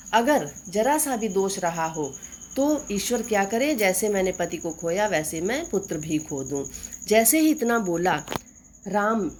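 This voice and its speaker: A woman teacher explaining a poem line by line, reciting verses slowly before explaining them. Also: mid-range voice, darkish tone, slight background noise. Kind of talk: poetry explanation lesson.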